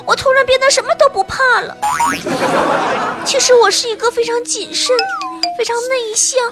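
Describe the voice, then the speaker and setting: A woman's voice: extremely high pitch, fairly even intonation, moderate pace, voice pushed up. A woman voicing a coy, lovestruck young female steamed bun in a comic story, gushing melodramatically. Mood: coy, smitten. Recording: music and audience noise behind.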